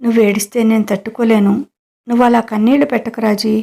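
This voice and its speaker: Figure: a woman reading as a doting middle-aged employer. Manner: pleading, coaxing. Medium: audio story. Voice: mellow and flat. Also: on the high side, quick pace, vocal fry.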